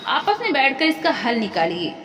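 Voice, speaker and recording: Woman doing a calm, decisive judge. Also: sits high, normal speed. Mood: measured. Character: calm, fair-minded judge. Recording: echoey room with long reverb.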